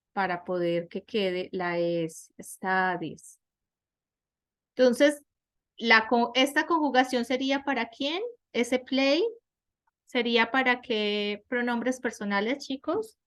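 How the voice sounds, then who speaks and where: A woman's voice: a little high, fairly bright tone. A woman teaching English grammar in an online class, explaining step by step and often asking her students questions.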